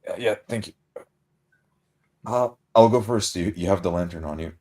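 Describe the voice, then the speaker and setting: A low, darkish male voice at normal speed belongs to a player in a tabletop roleplay who describes his character's actions in character. He groans, sounding pained as he talks.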